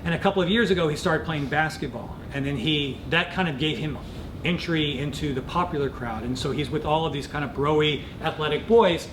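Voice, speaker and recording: A middle-aged male professor gives an explanatory lecture in a fairly high voice. His phrasing is thoughtful and informally academic. The room is very echoey, with a clear low rumble of noise behind him. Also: brisk.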